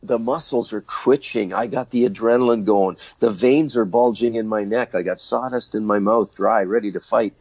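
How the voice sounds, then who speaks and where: Husky low-voiced older man telling stories. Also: moderate pace, hardly any pauses, dry recording, muffled recording. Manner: animated storyteller, acting out quoted exchanges. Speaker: retired hockey referee, guest. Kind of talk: storytelling interview.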